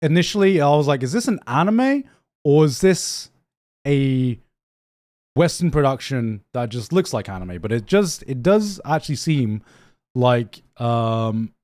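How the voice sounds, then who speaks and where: This young man's voice is mid-range, sing-song and a little mellow, and he takes his time. Reacting to an anime trailer live on stream, he swears without restraint, laughs often and repeats things as he mulls them over; his first language is not Japanese.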